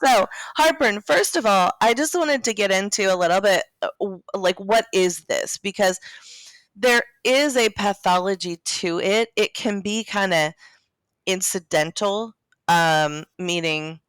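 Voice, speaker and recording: A woman's voice: mid-range voice, measured pace, fairly bright tone, clear, resonant tone, dry recording. A woman co-hosting a health podcast, explaining things in a chatty way with jokes, still in her groggy morning voice. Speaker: podcast co-host. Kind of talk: casual health podcast chat.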